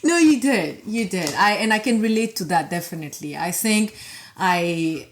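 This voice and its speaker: A woman with a slightly low voice speaking in a casual podcast chat. She feels her way through her sentences, restarting and searching for the right words as she asks questions. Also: animated, slight background noise. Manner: searching, halting phrasing with many restarts. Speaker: podcast conversation partner.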